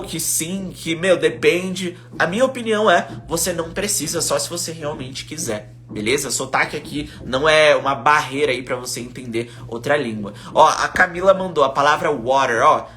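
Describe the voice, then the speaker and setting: A young Brazilian man, an English teacher, chatting casually on a live stream, reading out viewer comments in a relaxed, slangy way. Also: on the high side, normal speed, few pauses. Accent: Brazilian Portuguese. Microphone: phone.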